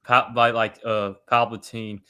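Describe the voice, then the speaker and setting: A man's voice: mid-range voice, level tone, a little slow, sharp tone, slight background noise. A man with an ordinary mid-range voice chats on a podcast. His phrasing is loose and easygoing, full of asides. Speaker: podcast guest. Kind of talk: casual podcast chat.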